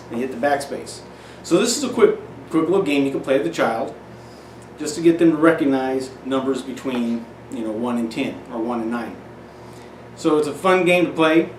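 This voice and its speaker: A middle-aged man giving parents casual, folksy tips on teaching children numbers, often restarting his phrases. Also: mid-range voice. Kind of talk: casual instructional demonstration. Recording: roomy echo, off-mic, faint hiss.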